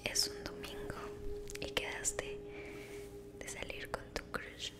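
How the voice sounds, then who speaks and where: A woman's voice: very high-pitched, monotone, over loud music. A woman in a whispered role-play, guiding the listener in a soothing, encouraging ASMR manner with affectionate, caring wording. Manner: soothing, encouraging, slow, uses affectionate diminutives.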